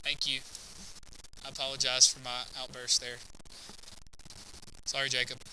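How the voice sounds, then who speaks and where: A man's voice: medium pitch, monotone, unhurried, sharp tone, slight background noise, poor audio. A man teaching a chemistry class, lecturing and constantly checking in with students by asking "right?" and "okay?".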